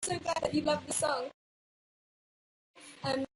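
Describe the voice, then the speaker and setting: A woman's voice: high voice, fairly even intonation, a little slow, background noise. A young woman chatting casually on a livestream, reading out viewer quotes in a rambling, hesitant way.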